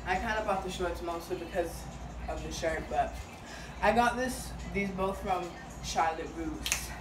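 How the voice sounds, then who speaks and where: A woman's voice: fairly low pitch, a little slow. A young woman chats upbeat about her outfits, her words often trailing into mumbles. She sounds a few steps away from the phone camera, with the kitchen adding an echo and a noisy background hiss. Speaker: fashion vlogger. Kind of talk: casual haul vlog. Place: small home kitchen, indoors. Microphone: phone camera set far across the room. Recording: echoey room, mic far off, noisy.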